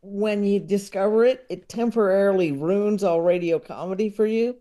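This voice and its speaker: This podcast guest, a comedy writer and filmmaker, has a high-sitting, dark voice and talks at a normal speed. His casual chat wanders and stalls, with plenty of self-deprecation.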